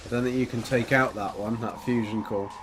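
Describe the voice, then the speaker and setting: A man's voice: medium pitch, fairly even intonation, fairly quick, background noise. Cheeky man streaming a game. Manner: chatty, cheeky, laughs often. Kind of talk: casual gameplay commentary.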